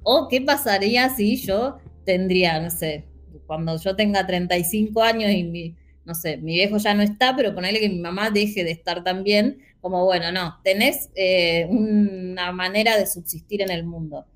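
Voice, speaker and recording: An Argentine woman with a Rioplatense Spanish accent talks at a normal speed in a medium pitch. She's earnest and animated in a casual panel discussion, using lots of fillers.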